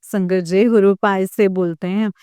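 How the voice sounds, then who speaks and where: A woman speaking to a congregation, sharing her devotional experiences in a slow, halting way with many pauses and fillers. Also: medium pitch, steady tone, warm tone, clean tone, no echo. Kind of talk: devotional testimony talk.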